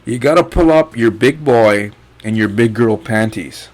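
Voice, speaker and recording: This Guyanese man, an online income YouTuber, speaks at medium pitch, unhurried, with a darkish tone on a low-quality recording. Over a screen share he gives a blunt, mocking, casual rant, swearing liberally as he shows viewers what he discovers.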